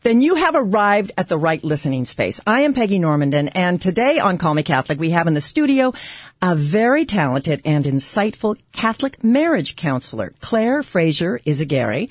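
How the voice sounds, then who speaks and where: Woman radio host, chatty and warm on air, animated delivery, close dry mic. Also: fairly low pitch, breathy edge, no echo. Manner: upbeat, chatty, laughs easily. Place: radio studio.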